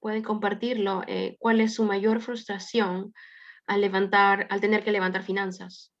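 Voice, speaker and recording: A woman interpreting an online class, restating each point briskly and clearly. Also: medium pitch, little pitch movement. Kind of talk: consecutive interpreting into Spanish. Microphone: video call. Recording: dull lo-fi call audio.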